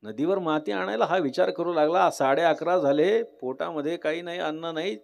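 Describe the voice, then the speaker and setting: A man preaching a devotional kirtan sermon, telling a story in a lively way and acting out the dialogue. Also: on the high side, moderate pace, vocal fry. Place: live kirtan gathering.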